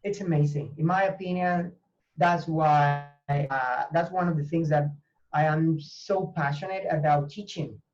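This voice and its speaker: A man from Venezuela, a language teacher talking earnestly as a guest, often pausing and restarting. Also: a little high, muffled recording. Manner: earnest, hesitant with many fillers and restarts. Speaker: language teacher, university professor. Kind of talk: conversational interview.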